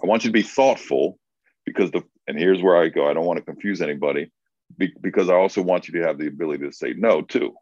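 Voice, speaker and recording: Speaking quickly in a deep, darkish tone, a man coaches writers as co-host of a casual advice show, thinking aloud and often restarting or repeating words. There's no room sound, and the audio is dry, dull lo-fi.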